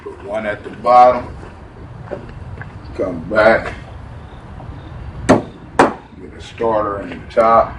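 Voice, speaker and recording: A man's voice: on the low side, steady tone, extremely slow, pauses often. A man hosting a do-it-yourself video, explaining a build in a loose, chatty way and talking straight to his viewers. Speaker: DIY video host. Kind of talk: casual how-to instruction. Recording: distant camera mic with loud outdoor noise.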